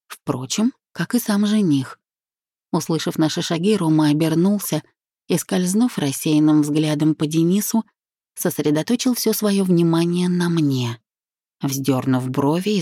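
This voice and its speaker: A woman reads a first-person novel aloud in a calm, reflective manner. Her voice sits low and warm. The recording is close and dry, with no room sound. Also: husky, no echo. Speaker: audiobook narrator. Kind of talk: scripted first-person narration.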